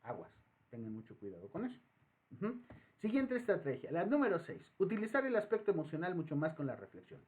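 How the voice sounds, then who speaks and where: A man with a Mexican accent giving a psychology lecture as the professor, animated and acting out voices in his examples. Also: on the high side, fairly quick. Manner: animated, acts out voices in anecdotes. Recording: tinny phone-like audio.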